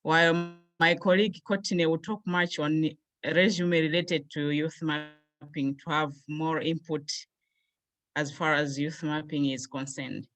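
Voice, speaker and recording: A woman's voice: deep voice, a little slow. A young woman from Malawi, a graduate student, presenting a workshop over a video call and going through points one by one. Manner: steady explanatory pace, lists points one by one.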